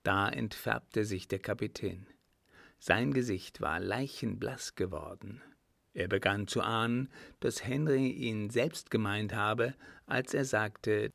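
A man narrating a classic novel as an audiobook reader, measured and even. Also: lowish voice, vocal fry, no room sound.

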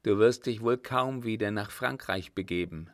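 A man voicing a young man in love, earnest and determined, in his own plain low voice. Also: moderate pace, dry recording, clean studio sound, lightly acted.

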